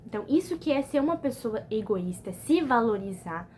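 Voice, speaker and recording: A woman's voice: a little high, lively intonation, moderate pace, a little mellow, a little hiss or hum. A woman with a Brazilian Portuguese accent giving motivational self-care advice to camera in a casual, conversational way, often checking in with the listener. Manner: conversational, repeats "entendeu?" often, restarts. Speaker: personal development vlogger.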